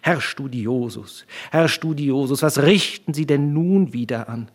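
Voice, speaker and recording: Pompous old schoolmaster, shrill and spluttering; male reader puts him on, husky edge. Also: a little slow. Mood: outraged.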